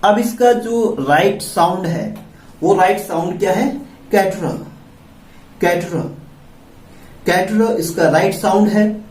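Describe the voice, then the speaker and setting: A man's voice: sits high, unhurried, darkish tone. A man with an Indian accent teaching English vocabulary, spelling words out letter by letter and asking the class questions. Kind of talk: classroom-style vocabulary lesson. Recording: echoey room, mic at a distance.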